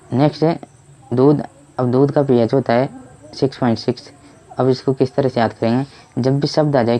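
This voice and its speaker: A man teaches memory tricks in a relaxed, mellow voice. He talks slowly, repeats each point and asks the class rhetorical questions, at a middle pitch. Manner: slow, repetitive explaining with rhetorical questions. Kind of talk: exam memory-trick lesson.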